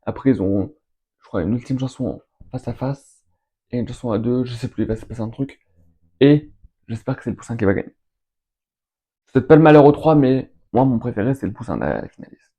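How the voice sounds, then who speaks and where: A young man hosts a casual question-and-answer chat in a mellow, relaxed voice. He rambles with enthusiasm and reels off long lists of names, pausing between them. His pitch sits in the middle of the usual range. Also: slightly rough. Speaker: fan video host answering viewer questions.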